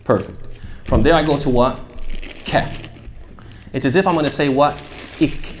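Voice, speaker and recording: A man's voice: medium pitch, normal speed, roomy sound, slight background noise. A man leading a tajweed class, modelling sounds and quizzing students as he goes. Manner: animated, demonstrates sounds and asks the class questions. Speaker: tajweed teacher.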